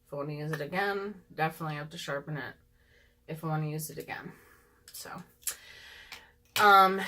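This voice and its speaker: This woman, a beauty vlogger, has a fairly bright, medium-pitched voice. She chats casually and honestly with viewers while reviewing makeup products, often saying um and going off on asides.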